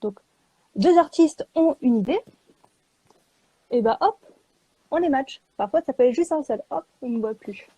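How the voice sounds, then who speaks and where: A woman publisher and illustrator talking in a live video chat, lively and joking, filling gaps with small words. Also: sits high, unhurried, pauses often, no echo, rough recording. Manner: lively and joking, with many fillers.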